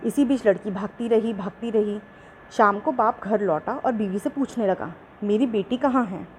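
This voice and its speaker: A woman narrating a children's bedtime fairy tale in an expressive storytelling voice. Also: medium pitch, moderate pace, slight background noise, rough recording.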